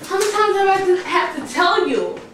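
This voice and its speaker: Frantic young wife played by a teen girl, very high and loud, shrill, echoey room. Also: big pitch swings, brisk, distant mic, a crowd in the background. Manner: shrill, pleading, laughing through lines.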